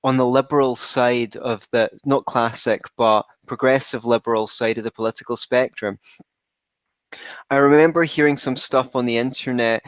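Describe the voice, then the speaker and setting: A Scottish man appears as a podcast guest in a casual interview, telling his story in a wry, digressive way and often correcting himself. His voice is mid-range, and the lo-fi recording has no room sound.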